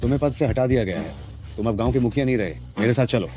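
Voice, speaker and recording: A man's voice: mid-range voice, expressive, rapid-fire, over music, natural voice. A man voicing a stern male police officer making an arrest in a curt, official way. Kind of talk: dubbed drama acting.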